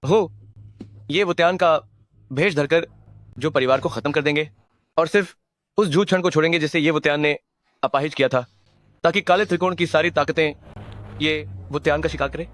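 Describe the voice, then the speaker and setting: An actor voicing a shifty, scheming ally who lays out a plot in a smooth, conspiratorial way, in a Hindi drama dub. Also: male voice, on the high side, normal speed, pauses often, fairly bright tone, lightly acted.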